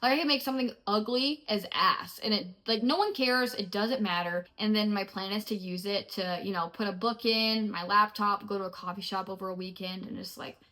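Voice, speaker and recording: Young woman vlogger, chatty and animated, mid pitch. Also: brisk, few pauses. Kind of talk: casual vlog talk.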